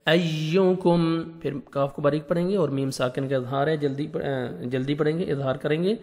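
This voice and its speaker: A man teaching Quran reading, explaining each letter step by step and slowly reciting verses in a drawn-out, melodic way. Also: mid-range voice, a little mellow, long reverb tail. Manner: patient, step-by-step letter instruction. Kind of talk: tajweed lesson, slow recitation between explanations.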